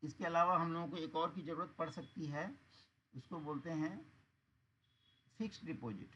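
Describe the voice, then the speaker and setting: A man's voice: fairly high pitch, fairly even intonation, normal speed, pushed and bright, breathy edge, lo-fi sound. A man teaching accounting in an online class, explaining patiently and often checking that students follow.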